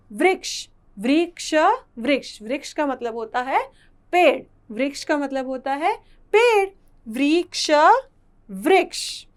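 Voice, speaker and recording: A woman teaching a children's Hindi phonics lesson, sounding out syllables slowly and repeating each word in her greeting. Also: sits high.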